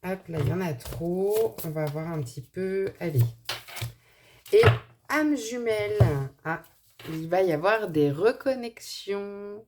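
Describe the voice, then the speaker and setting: A woman's voice: mid-range voice, animated, takes it slowly, noisy background. A woman with a slight lisp on her s sounds, giving an informal card reading and thinking aloud in a hesitant way. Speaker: tarot and angel card reader.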